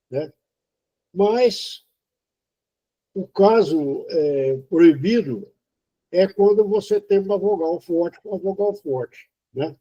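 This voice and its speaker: A man from Brazil giving an informal spoken lesson on poetry, halting and explanatory, with many fillers and restarts. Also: fairly high pitch, warm tone. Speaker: poetry teacher. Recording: dull lo-fi recording.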